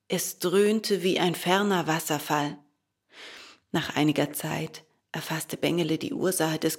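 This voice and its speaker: A woman reading a children's fairy tale aloud in a slow, expressive storytelling manner. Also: fairly low pitch.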